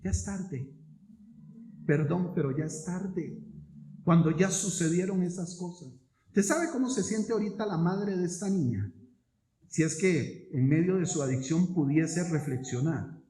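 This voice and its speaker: High-voiced pastor preaching. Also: male voice, unhurried. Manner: impassioned preaching, swinging from loud emphatic peaks to hushed low asides. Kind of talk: sermon. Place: church sanctuary. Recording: echoey church hall.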